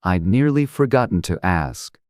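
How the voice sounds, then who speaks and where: A woman acts out a sly, riddling cat with a low voice. It speaks in an unruffled, matter-of-fact way, recorded very dry for a dramatized storybook. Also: big pitch swings, unhurried, a little mellow, dry recording, heavily acted. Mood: casual, sly. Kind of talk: dramatized audiobook character acting.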